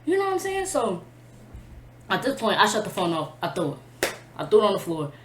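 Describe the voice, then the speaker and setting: A woman's voice: medium pitch, huge pitch swings, fairly quick. A woman telling a personal storytime to camera in a blunt, profane, emotional way, full of slang. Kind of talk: casual storytime vlog. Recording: echoey room.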